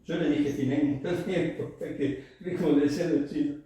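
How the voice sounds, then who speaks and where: A man's voice: a little high, fairly even intonation, fairly quick, dark tone. A middle-aged man giving a qigong class, explaining patiently and checking in with his students through frequent tag questions. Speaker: qigong teacher. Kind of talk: classroom lecture. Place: classroom or practice hall. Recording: echoey hall, voice from far off.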